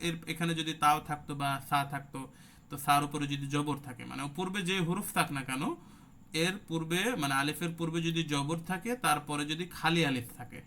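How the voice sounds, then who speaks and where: A man teaching an online recitation class in a bright, slightly high voice. He walks through each rule patiently, puts questions to his students and answers them himself, and draws out syllables to show how they should sound. Faint noise hums under the recording. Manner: explanatory, asks and answers his own questions, drawn-out demonstration sounds.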